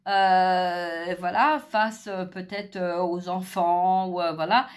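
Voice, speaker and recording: A middle-aged woman giving a spiritual card reading, hesitant with many fillers, speaking softly because she is losing her voice. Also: on the low side, fairly even intonation, takes it slowly. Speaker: tarot card reader.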